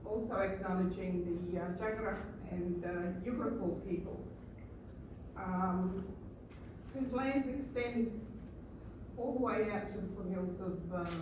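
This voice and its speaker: An older woman speaks to an outdoor gathering as an elder, pausing with many fillers. Her voice comes through a public address system, heard from a distance, with heavy echo and clear background noise. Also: fairly low pitch. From Australia. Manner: unhurried, hesitant with many fillers. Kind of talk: public address at a community event. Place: outdoor gardens event.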